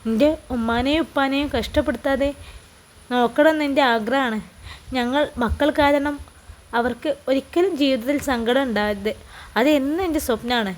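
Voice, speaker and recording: A woman's voice: high-pitched, lightly acted. A woman voicing a young husband who coaxes and teases his new wife affectionately in a read-aloud story. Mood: earnest. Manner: coaxing, affectionate. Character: young husband, tender and teasing.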